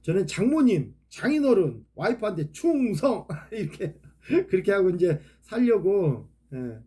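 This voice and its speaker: A man's voice: high-pitched, sing-song, measured pace, dark tone, husky. A man with a Chungcheong Korean accent giving a rambling, casual preaching talk, dropping a "ye" filler after almost every phrase. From Chungcheong, South Korea. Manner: rambling, peppers speech with "ye" filler.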